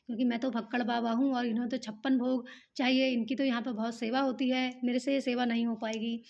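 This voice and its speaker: A humble old ascetic saint, read by a woman narrator in a storybook telling. He scolds gently and pleads, with a high, gravelly voice. The recording is dull and lo-fi. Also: little pitch movement, fast talker.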